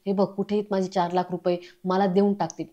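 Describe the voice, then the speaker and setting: A woman reading the lines of an angry young man who accuses his friend over missing money, in a flat, mellow voice. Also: mid-range voice, fast talker, highs cut off, close to an everyday voice. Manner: accusing, heated.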